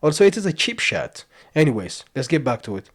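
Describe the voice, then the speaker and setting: A man narrating commentary over a debate clip in a measured, lecturing way. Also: on the high side, sing-song. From outside the US. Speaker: reaction commentator.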